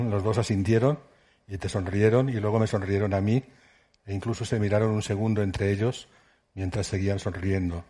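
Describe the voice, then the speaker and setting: A man reading a novel excerpt aloud at an auditorium event, measured, and acting out the shouted words. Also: lowish voice, fairly even intonation.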